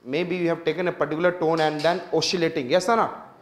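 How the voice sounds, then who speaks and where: Indian man, lecturer, high-pitched, echoey room, mixes english and hindi, keeps asking the class questions. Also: steady tone, drawn-out words. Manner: switches between English and Hindi mid-sentence. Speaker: teacher.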